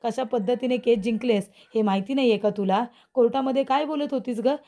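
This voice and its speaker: A woman's voice: fairly high pitch, a little fast, mellow, lightly acted. A woman reading the lines of an angry elder brother from a TV serial recap, lecturing in a scolding manner. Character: angry grown man, stern elder brother.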